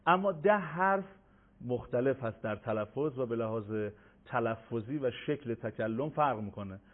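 Male Quran recitation teacher, patient and explanatory, mid-pitched voice over a narrow phone-like line. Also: lively intonation. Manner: patient, explanatory, repeats letter sounds slowly. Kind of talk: broadcast lesson.

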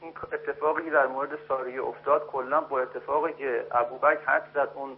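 A man's voice: medium pitch, fairly even intonation, a little hiss or hum. A man calling in to a broadcast, arguing insistently and interrupting as he presses his point. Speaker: phone-in caller. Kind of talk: heated call-in debate. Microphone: phone. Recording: telephone line.

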